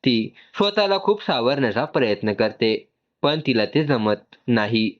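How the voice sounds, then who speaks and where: Male narrator, even and calm storyteller, muffled recording. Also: medium pitch, a little slow. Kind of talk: scripted narration.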